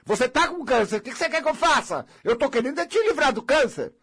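A Brazilian man with a husky, breathy voice talks as a blunt counselor. He lectures in a theatrical, scolding way, with a pitch that sits high and swings widely, and he now and then mocks whiny voices. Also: very animated, quick pace, sharp tone. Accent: Brazilian Portuguese. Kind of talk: blunt motivational monologue.

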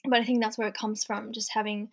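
A woman's voice: fairly high pitch, flat delivery, quick pace. A young woman hosting her own podcast, talking casually and chattily with lots of "like" fillers and light laughs. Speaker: podcast host. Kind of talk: casual solo podcast talk.

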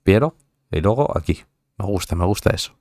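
A man's voice: sits low, expressive, a little fast, darkish tone, no room sound, clean studio sound. A man from central Spain with a central Spanish accent, chatting casually on a live stream, joking, swearing often and laughing at himself.

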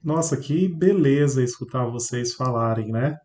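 A man hosting a conversation who is openly moved and speaks in an emotional, warm-hearted way, often with tag questions. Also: mid-range voice, a little slow. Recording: roomy echo.

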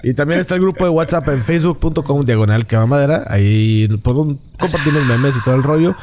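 A man's voice: medium pitch, fast talker, darkish tone. A man with a Mexican accent hosting a casual podcast, joking around and giving teasing, mock-grand introductions. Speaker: podcast host.

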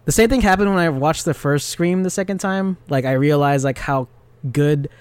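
Animated young man telling a story. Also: fairly high pitch, normal speed, clear, resonant tone, no room sound. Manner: animated storyteller, laughs often, lots of "like" fillers. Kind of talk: casual chat.

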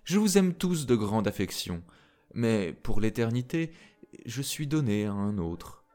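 A man reading a storybook, voicing a gentle, earnest young princess in a soft way. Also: medium pitch, very animated, unhurried, faint music behind.

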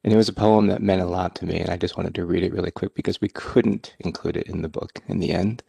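A man, a co-author hosting the talk, speaking in a relaxed way with many fillers. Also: deep voice, fast talker, gravelly, slightly rough, no echo. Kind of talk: casual conversation.

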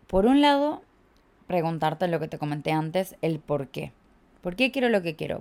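A woman's voice: fairly low pitch, darkish tone. A young woman from Chile hosting a podcast, talking casually and reflectively, with lots of filler words. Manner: chatty, reflective, filler-heavy with "como". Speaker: podcast host and coach.

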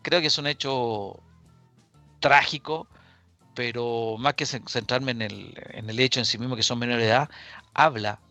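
A Chilean man hosts a live current-affairs radio show in a bright, forward voice of middling pitch. He speaks deliberately, pausing and repeating phrases. Faint music plays behind him. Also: fairly even intonation. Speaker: radio talk show host.

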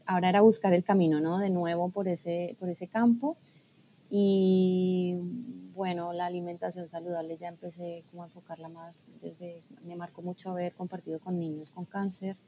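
A woman from Colombia, a guest talking through her story in a thoughtful, hesitant way with pauses. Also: fairly low pitch, flat delivery, warm tone, a little hiss or hum. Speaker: guest, food scientist and blogger. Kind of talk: casual podcast conversation.

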